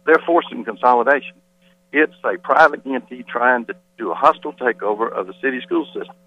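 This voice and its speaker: A school board member phones in to a radio interview from a quiet hallway off a meeting, slightly out of breath and insistent as he rebuts claims point by point. His medium-pitched voice has a breathy edge, heard over a tinny phone line with mains hum.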